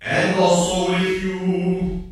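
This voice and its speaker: A man singing liturgical chant in a slow, steady, near-monotone line, heard with a heavy cathedral-like echo. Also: high-pitched, faint music behind. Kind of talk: chanting liturgical sung settings. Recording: roomy echo from far off with accompaniment.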